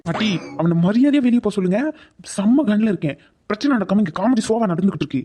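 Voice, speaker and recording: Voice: medium pitch, lively intonation, quick pace, dark tone, breathy edge. A performer voicing a sarcastic young man in a cartoon who teases and threatens his friend. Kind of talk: cartoon voice acting.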